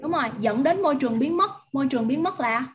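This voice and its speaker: A woman with a Vietnamese accent teaching English vocabulary over a video call, prompting students and repeating words slowly. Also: sits high, lively intonation, a crowd in the background. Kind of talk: online vocabulary drill.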